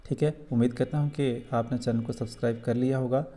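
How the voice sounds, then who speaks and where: A man's voice: mid-range voice, fairly even intonation, a little fast, warm tone. A man with a Kashmiri accent who teaches a school lesson, explaining answers patiently and repeating points for young students.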